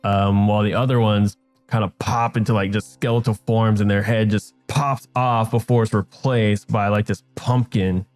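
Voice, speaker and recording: A man running a tabletop game as game master, narrating in a relaxed way with fillers and restarts. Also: lowish voice, moderate pace, soft background music.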